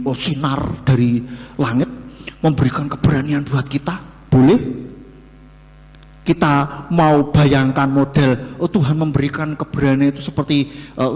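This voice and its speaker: A man, preaching a sermon in a lively, joking way that mixes in casual asides. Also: long reverb tail. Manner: lively, jokey preaching with sudden pitch jumps and Javanese asides. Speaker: pastor.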